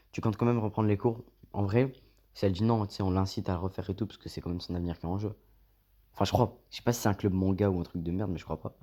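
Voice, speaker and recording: A man's voice: lowish voice, dark tone. A man giving chatty let's play commentary, reading the game's lines aloud and rambling on in a slangy, talkative way. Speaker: gaming YouTuber.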